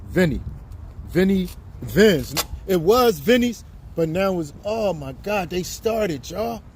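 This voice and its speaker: A man's voice: high voice, expressive, takes it slowly, a little mellow. A man of fifty doing a casual live-stream chat outdoors, talking straight to his viewers. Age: 50s. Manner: chatty, talks straight to viewers. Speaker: livestreamer. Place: outdoors on a city street. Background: faint street and traffic noise.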